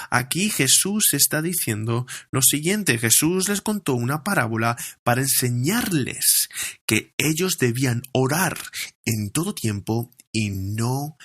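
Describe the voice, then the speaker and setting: A man's voice: on the high side, fairly bright tone, husky. A man preaching a sermon as pastor, earnestly drawing out scripture lines and repeating phrases as he builds each point.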